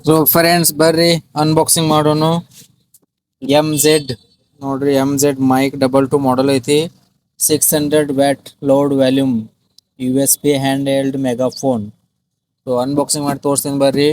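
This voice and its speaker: The speaker, a shop video host and product presenter, uses a North Karnataka Kannada accent and a casual unboxing approach, repeating sales phrases and blending in English. His mid-range voice is a little mellow and barely moves in pitch, at normal speed, on a low-quality recording.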